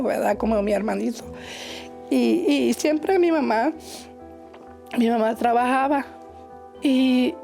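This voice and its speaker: A woman tells her testimony in church, her voice pitched a touch high yet mellow and warm. She speaks with emotion, halting and doubling back on her words. Soft music plays faintly beneath her. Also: gravelly. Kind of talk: personal testimony.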